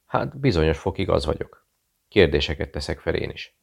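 A composed British investigator in an audiobook, as a male narrator puts him on. He talks in a smooth, friendly and quietly persuasive way. The voice is very low and gravelly. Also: big pitch swings, full character voice. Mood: probing. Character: cool British male investigator posing as journalist.

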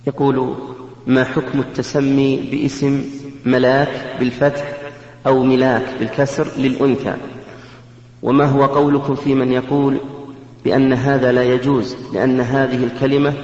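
A man formally reading out questions to a scholar in a steady way. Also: medium pitch, normal speed. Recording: echoey hall, muffled lo-fi tape.

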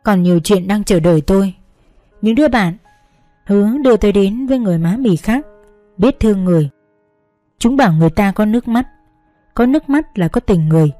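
A woman narrating an emotional first-person story in a slow, gentle, measured reading. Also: mid-range voice, lively intonation, no room sound. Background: faint background music.

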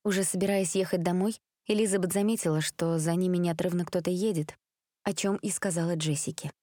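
A woman narrating a story aloud in a steady storytelling manner. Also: lowish voice, a little fast, no room sound, studio quality. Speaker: reader.

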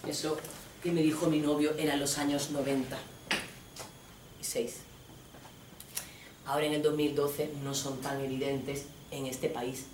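A woman's voice: low-pitched, fairly bright tone, far from the mic, a little hiss or hum. A woman performing a comic theatre monologue, frank and ironic as she speaks straight to her audience. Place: theatre stage. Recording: roomy live stage recording from afar.

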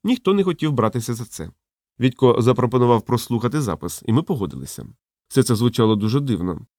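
A man narrating an audiobook in a steady storytelling manner. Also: mid-range voice, quick pace, no room sound, studio quality. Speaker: audiobook reader.

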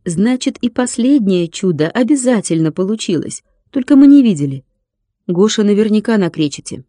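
A woman's voice: medium pitch, expressive, moderate pace, warm tone, no echo, clean studio sound, natural voice. A woman voicing a sensible young girl who teases a little and talks down to her friend. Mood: thoughtful. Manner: teasing, a little condescending.

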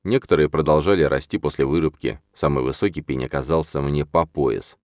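A man with a deep, low voice narrates a first-person story as an audiobook. His reading is steady and measured. The sound is dry and close, with no room around it. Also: no room sound.

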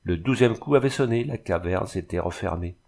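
A man reading the lines of a desperate young peasant mother who has lost her child, in a low voice and a pleading tone. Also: animated, a little fast, vocal fry, a little mellow, exaggerated voice. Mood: anguished. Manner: pleading, anguished storytelling.

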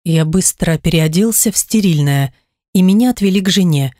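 A woman's voice: fairly low pitch, moderate pace, mellow, no echo, clean studio sound. A woman reading an audiobook in first person, with an emotional, intimate storytelling manner. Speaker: audiobook narrator. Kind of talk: scripted first-person narration.

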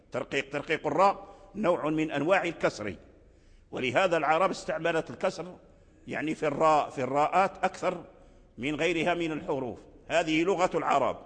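A man's voice: on the high side, big-room sound. A man teaching Quranic recitation rules in a religious lecture, explaining patiently and repeating words, drawing out example words in a recitation tone.

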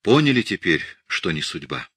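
Audiobook: male reader as a tired, hunted scientist, deep and raspy, quiet resignation. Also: very animated, normal speed, no echo, full character voice. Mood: resigned. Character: weary hunted middle-aged male scientist.

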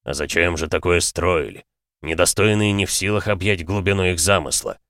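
A man's voice: low-pitched, normal speed, a bit bright, dry recording, studio quality. A man voicing a haughty, pompous male creature with claws and armored eyelids.

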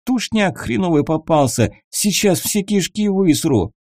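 A frightened young male captive blurts his answers in a nervous rush, as a male audiobook reader puts him on. His voice sits higher than the reader's own, soft and mellow, with lively rises. The recording is dry and close. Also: no echo. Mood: blustering. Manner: nervous, hurried, gulping.

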